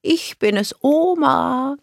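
A woman's voice: high-pitched, animated, takes it slowly, gravelly, no room sound, studio quality, voice pushed up, heavily acted. A woman voicing a cheerful, affectionate grandmother in an audiobook.

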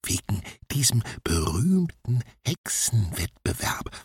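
Give me a man playing a talkative gossipy shopkeeper woman from a storybook, a bit husky. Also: mid-range voice, big pitch swings, takes it slowly, dry recording, clean studio sound, voice pushed up, exaggerated voice. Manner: breathless, gossiping, talks on and on. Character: chatty gossipy female shopkeeper.

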